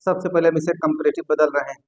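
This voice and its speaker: A man teaching an English grammar lesson, often repeating key words slowly as he writes them on the board. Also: fairly high pitch, fairly even intonation, darkish tone, highs cut off.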